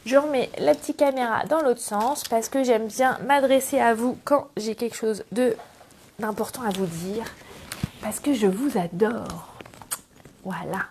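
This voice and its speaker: A woman's voice: on the high side, normal speed, a little mellow, slight background noise. A middle-aged woman hosting a casual scrapbooking tutorial, chatty and affectionate with her viewers as she works. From France. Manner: chatty and affectionate, talks to viewers while working. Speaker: craft demonstrator and channel host.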